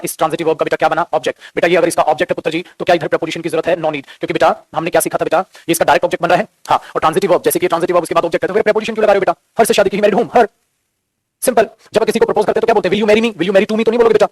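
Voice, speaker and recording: Rapid-fire, high-voiced grammar teacher. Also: male voice, dry recording. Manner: playful scolding, calls students "beta", jokes; teasing, repetitive drilling questions. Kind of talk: Hindi-medium grammar class lecture.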